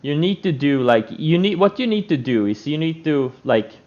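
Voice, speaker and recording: A man's voice: on the high side, expressive, normal speed, a little mellow. A man giving an unscripted motivational trading rant, speaking in a blunt, emphatic and repetitive way. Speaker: stock trader giving trading advice. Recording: dull, lo-fi microphone sound.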